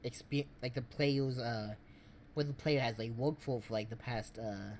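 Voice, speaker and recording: A man streaming, giving casual game commentary in a rambling, halting way. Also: mid-range voice, a little mellow, a little hiss or hum.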